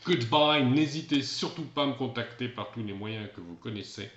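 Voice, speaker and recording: A French-speaking male English teacher explaining exercises, switching between French and slow, stressed English examples. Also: mid-range voice, a bit bright, a little hiss or hum. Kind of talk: recorded video lesson. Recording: echoey room, dull lo-fi sound.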